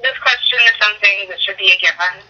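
A woman's voice: medium pitch, fast. A woman calling in over speakerphone as a guest, chatting casually and joking. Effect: heard over speakerphone. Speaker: guest on a phone call. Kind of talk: casual chat. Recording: muffled speakerphone line.

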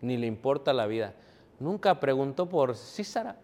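A man preaching a sermon, joking with his congregation by name and reading scripture slowly and loudly. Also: mid-range voice, very animated. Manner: jokes with the congregation, calling on members by name. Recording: echoey hall.

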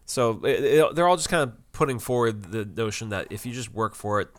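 Low-voiced man in easy podcast chat. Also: brisk, fairly bright tone. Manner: easygoing, self-deprecating, laughs at himself. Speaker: podcast co-host. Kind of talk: casual chat recapping a TV episode.

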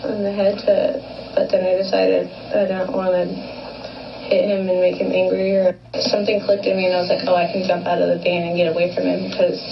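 A woman recounting an ordeal to police in a halting, shaken way, heard from an archival recording. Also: lowish voice, completely flat delivery, creaky. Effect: archival recording played back. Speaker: crime victim speaking to police. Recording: muffled distant recording with background hiss.

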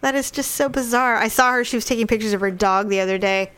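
A woman's voice: a little high, fast, a bit bright, smooth. A woman podcast host with slightly thick-tongued speech from allergies, chatting casually in an irreverent, joking manner. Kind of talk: casual comedic chat.

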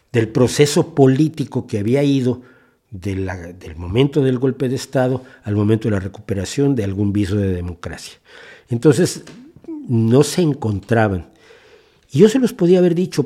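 Impassioned older man, husky and dark. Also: medium pitch. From Mexico. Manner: indignant, impassioned, with frequent restarts. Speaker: podcast host. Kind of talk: opinion monologue.

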